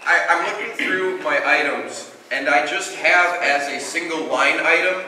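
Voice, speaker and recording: A man's voice: on the high side, measured pace, sharp tone. A man chatting casually and jokingly as a player in a tabletop game. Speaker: panel player. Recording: echoey room, distant mic, faint noise.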